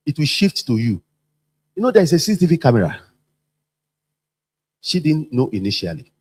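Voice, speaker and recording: A man's voice: mid-range voice, slightly rough. A man giving a workplace training talk, repeating himself and acting out the people he quotes. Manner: animated, repetitive, acts out quoted voices.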